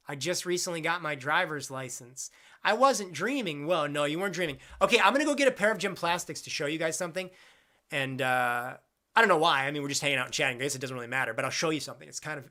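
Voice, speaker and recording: Man, 20s, live-stream chat host, bright tone, slightly high voice, rambling, self-deprecating humor.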